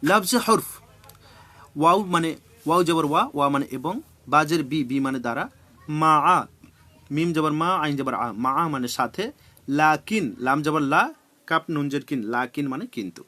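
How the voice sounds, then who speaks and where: Bengali accent guy teaching a class, kinda high voice, spelling words out slow syllable by syllable. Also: sharp tone. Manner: slow, deliberate letter-by-letter spelling drills.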